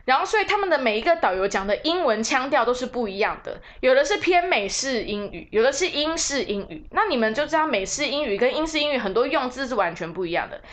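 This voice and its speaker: A woman's voice: high-pitched, sing-song, fast talker, hardly any pauses. A woman, hosting a podcast and telling stories about her work as a tour leader in a chatty, self-mocking way. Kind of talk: casual storytelling podcast.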